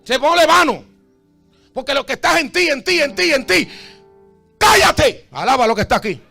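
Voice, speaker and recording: Pastor guy preaching, high gravelly voice, goes from real quiet to yelling, soft music under it. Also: very animated, fairly quick. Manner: swings from hushed to shouting, addresses congregation as "amado". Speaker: bishop, pastor. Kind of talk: sermon.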